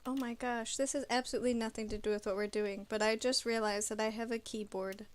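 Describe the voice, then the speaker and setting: A woman's voice: a little high, steady tone, a little fast. A woman co-hosting a gaming stream, chatting in bubbly asides and theories. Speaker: co-host playing the game. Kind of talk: casual gaming chat.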